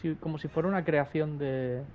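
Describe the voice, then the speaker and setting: Young Spanish-accented male streamer, keyed-up live gameplay commentary, fond of curses and repeated words; a touch high-pitched. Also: normal speed, dull audio, a little hiss or hum. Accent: Spain Spanish. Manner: excitable, swears often, repeats words in bursts. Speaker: game streamer.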